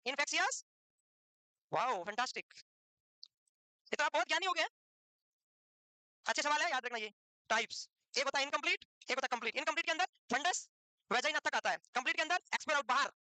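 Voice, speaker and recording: A man teaching a class at a quick clip, his voice high and bright. He scolds, jokes and teases students between dictated notes, and the sound is dry and close. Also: lively intonation, no room sound. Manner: brisk, scolding, teasing joker. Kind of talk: classroom lecture.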